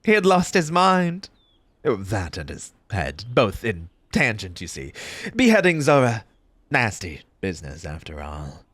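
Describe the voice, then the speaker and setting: A slow-speaking, grieving hare of a gentleman, acted by a man, on the low side in pitch. He is eccentric and courtly, with formal, theatrical phrasing that halts with emotion, as in an intimate roleplay drama. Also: dry recording. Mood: bitter, whimsical. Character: grieving March Hare, mannered, eccentric tea-party gentleman. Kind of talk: ASMR roleplay character monologue.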